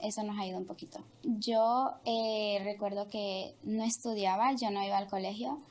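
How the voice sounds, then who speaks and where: A woman's voice: medium pitch, fairly even intonation, moderate pace, darkish tone. A young woman from Honduras, a guest telling her life story in an interview, speaking hesitantly with many fillers. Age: young adult. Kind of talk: testimony interview.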